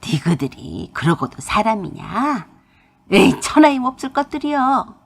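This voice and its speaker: An angry elderly mother scolds and reproaches, her husky voice rising and falling widely, as a woman puts her on. She is bitter and harsh in a storybook radio tale. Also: fairly low pitch, sing-song, measured pace, voice pushed down, full character voice. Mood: scolding.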